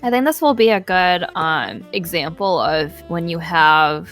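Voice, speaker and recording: A woman with a slightly low voice that moves up and down a lot as she chats. She talks casually about editing photos on a livestream. Faint music plays behind her. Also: lively intonation, measured pace, a bit bright. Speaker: guest photo editor.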